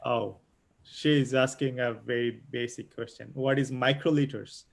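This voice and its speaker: A man's voice: mid-range voice, steady tone, moderate pace, creaky. A male host, hesitantly moderating questions in an online interview. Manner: hesitant, many fillers.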